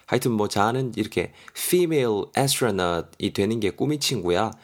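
A man reading a young man's dialogue in a lesson, slow and offhand. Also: on the low side, animated.

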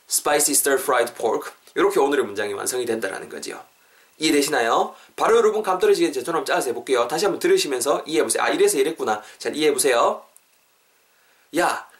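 A man teaching English on a podcast, his voice a little higher than most men's. He talks in a lively, chatty way and slows right down to drill each English phrase. He sits a bit back from the mic. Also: distant mic. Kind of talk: casual spoken English lesson.

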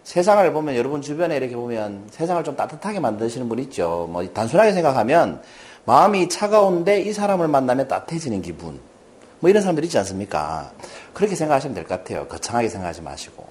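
A man's voice: mid-range voice, fast. A middle-aged man giving a storytelling lecture to a class, often asking the audience questions. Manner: animated, addresses audience with questions.

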